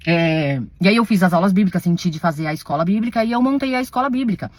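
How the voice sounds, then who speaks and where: A woman giving an emotional religious testimony to her followers, defensive and pleading, her voice swinging between hushed and raised. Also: lowish voice, fast talker, no echo. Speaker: self-described servant of God recounting a spiritual experience.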